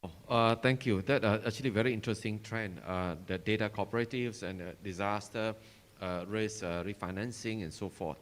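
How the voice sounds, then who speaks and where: A man's voice: on the low side, brisk. A man moderating an online panel, hesitant and full of fillers as he introduces speakers.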